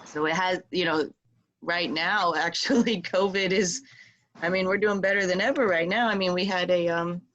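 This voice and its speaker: A woman's voice: on the low side, normal speed, fairly bright tone, muffled recording, slight background noise. A woman in her thirties chatting casually on a video call, rambling with many fillers. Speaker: meeting participant.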